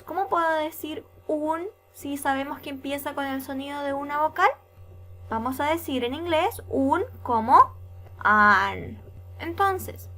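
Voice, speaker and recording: A woman's voice: high-pitched, a bit bright. A woman with a Chilean Spanish accent teaching English to young children, patiently repeating words and asking frequent check questions. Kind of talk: recorded bilingual classroom lesson for young children.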